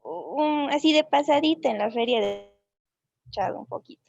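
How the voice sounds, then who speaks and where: A woman's voice: on the high side, animated, moderate pace, creaky, a little mellow, dry recording, muffled recording. A woman student answering her teacher's question in class, hesitant and restarting her phrases.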